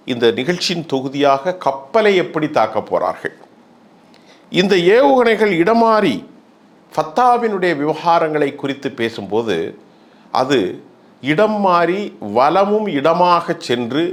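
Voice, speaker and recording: A man, a journalist, giving news analysis commentary, listing items in a measured, emphatic cadence. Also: fairly high pitch.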